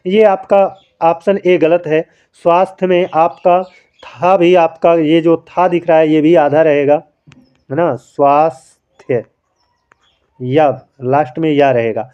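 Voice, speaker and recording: A man's voice: a little high, clear, resonant tone, lo-fi sound. A man teaching a Hindi spelling lesson, explaining each answer patiently and answering his own questions as he writes by hand. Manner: explains patiently, keeps calling listeners friends; asks questions and answers them himself.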